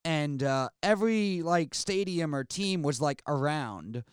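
A man's voice: a little high, expressive, measured pace, smooth, dry recording, clean studio sound. A man around thirty from Queens, New York, co-hosting a sports podcast in casual, upbeat chat. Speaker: podcast co-host.

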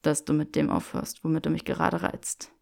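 A woman voicing a lovestruck young wizard, speaking low and wry. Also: little pitch movement, normal speed, gravelly, darkish tone. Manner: murmured, wry.

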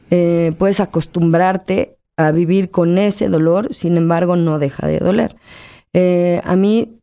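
A woman's voice: lowish voice, mellow. A middle-aged Mexican woman speaks as an interview guest, her accent plain in every line. She tells a hard personal story candidly, with emotion close to the surface. She acts out the voices of the people in her story as she talks.

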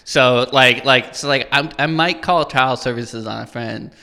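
A man's voice: medium pitch, unhurried, sharp tone, in a large hall. A man chatting casually about a sitcom, laughing often and acting out quotes.

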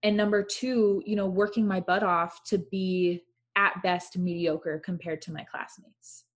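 A young woman in her twenties talks through her experience in a relaxed, reflective way. Her voice sits a little low for a woman. She leans on fillers like "like" and "you know". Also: unhurried. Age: 20s. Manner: chatty, reflective, many fillers. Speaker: guest. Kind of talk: casual chat.

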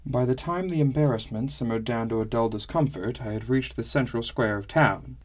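A man narrating a fantasy book chapter in the first person, measured and descriptive. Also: medium pitch. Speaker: audiobook narrator.

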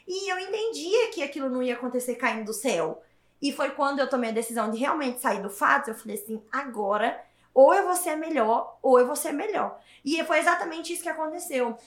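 A woman, telling her story as an interview guest in an animated, emphatic way and repeating words for stress. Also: sits high. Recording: roomy echo.

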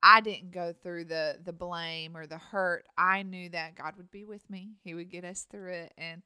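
A woman, softly and reflectively sharing a faith testimony. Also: fairly low pitch, steady tone, moderate pace, clear, resonant tone, dry recording, clean studio sound.

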